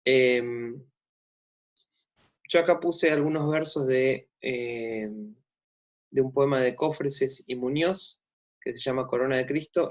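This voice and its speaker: A man with an Argentine accent giving a recorded literature lecture, with many fillers and restarts. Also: medium pitch. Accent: Argentine Spanish. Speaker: literature teacher. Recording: dull lo-fi sound.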